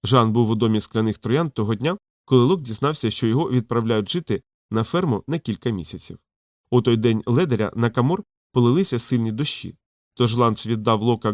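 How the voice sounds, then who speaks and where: A man narrating a fantasy audiobook in a steady, measured storytelling voice. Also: medium pitch, dry recording, studio quality. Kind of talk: scripted narration.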